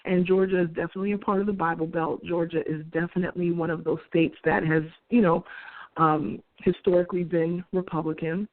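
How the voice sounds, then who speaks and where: A host in her forties from New York offers her views in a conversational, earnest monologue, with restarts and small laughs. Her fairly low voice is flat in delivery and fairly quick. No echo; the audio sounds dry, tinny and phone-like.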